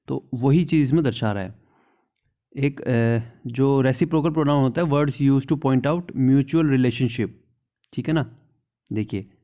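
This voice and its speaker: A man's voice: mid-range voice, warm tone. Man explaining grammar in Hindi. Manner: explains in Hindi, reads English examples slowly, repeats "theek hai na". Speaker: English teacher. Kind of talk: classroom grammar lesson.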